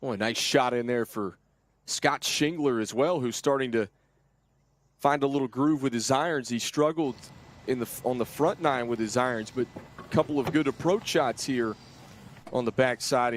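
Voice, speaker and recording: A man's voice: mid-range voice, moderate pace, slight background noise. Man calling live golf as lead commentator.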